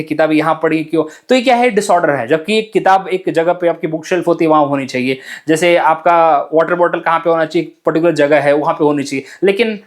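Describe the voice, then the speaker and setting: A young man teaching exam vocabulary in a chatty, joking way, mixing Hindi and English and sometimes rushing his words. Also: sits high. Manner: talks fast at times, admits rushing words. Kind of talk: casual Hindi-English lesson.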